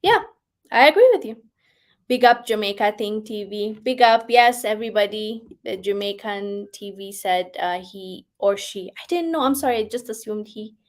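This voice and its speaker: An expressive woman hosts a casual talk, reading viewer comments aloud and answering them. Her voice sits at an ordinary middle pitch. She laughs often and moves between quiet, soft remarks and bursts of excitement. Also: moderate pace. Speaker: host.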